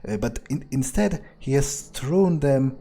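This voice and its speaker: Role-playing his character, a video game player offers in-character commentary, musing aloud hesitantly with dry understatement. His medium-pitched voice is animated yet unhurried, creaky and dark in tone, with faint music in the background.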